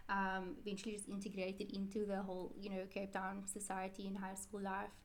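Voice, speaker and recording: A woman from South Africa, guesting in an interview as a Quran teacher, talks fairly quickly with a mid-range voice and a completely flat delivery. She rambles in a chatty manner, correcting herself often, over a little hiss or hum.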